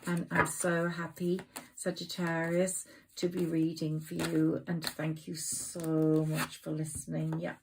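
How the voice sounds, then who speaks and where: Female tarot reader, slow even delivery, gushing and sentimental. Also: sits low, vocal fry, background noise. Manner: effusive, rambling, sentimental. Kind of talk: tarot card reading to camera.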